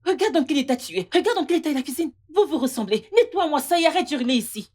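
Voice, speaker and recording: A woman's voice: high-pitched, lively intonation, fast, a little mellow. An actress dubbing a scornful, bossy young woman who mocks and taunts in a film drama. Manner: mocking, taunting.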